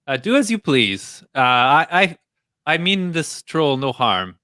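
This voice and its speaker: Man playing a bright-voiced, self-assured spearman. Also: on the high side, very animated, a little slow, no echo, studio quality, pitched above the performer's own voice, heavily acted. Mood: wry, confident.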